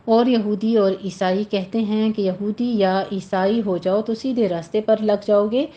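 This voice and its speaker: Woman teaching Quran recitation, mellow tone. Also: mid-range voice, steady tone, dull audio. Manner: slow, deliberate, drawn-out recitation between plain instructions. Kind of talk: tajweed lesson, explaining and reciting verses.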